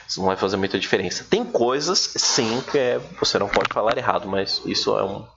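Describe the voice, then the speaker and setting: A man with a lowish voice teaches in a loose, chatty way and draws out each example word slowly. The recording sounds dull and lo-fi, with faint noise underneath. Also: gravelly. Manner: relaxed, chatty, drawls English examples slowly. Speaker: English teacher. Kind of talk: casual recorded lesson.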